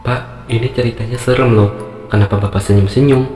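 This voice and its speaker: A man's voice: medium pitch, fairly even intonation, fairly quick, natural voice. A man voicing a puzzled, uneasy young male motorbike rider in a horror story, questioning and talking to himself. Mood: bewildered. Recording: music playing behind the voice.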